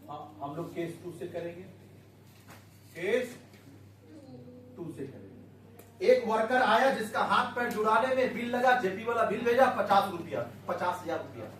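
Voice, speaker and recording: A man's voice: sits high, animated, moderate pace, pauses often, a bit bright, slight background noise. A man teaching an accounting class in a coaxing tone, asking questions and repeating them for the students to answer. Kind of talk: classroom lecture. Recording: echoey room, mic at a distance.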